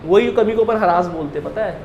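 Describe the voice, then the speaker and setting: A man's voice: sits high, a little fast, darkish tone, roomy sound, lo-fi sound. A male accountancy teacher giving a classroom lecture, firing questions at students and answering them himself, repeating key terms.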